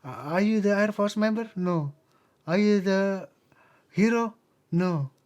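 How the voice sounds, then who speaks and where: A man voicing angry cemetery spirits, higher. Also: steady tone, drawn-out words, lo-fi sound. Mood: hostile. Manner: hostile, shouting people away. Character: angry spirits of the dead guarding a military cemetery.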